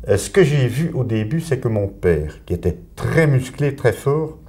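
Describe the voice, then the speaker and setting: Elderly Belgian man, low dark voice. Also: a little hiss or hum. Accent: Belgian French. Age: 80s. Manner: vivid storytelling, acting out quoted voices. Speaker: Holocaust survivor witness. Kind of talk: spoken testimony to young listeners.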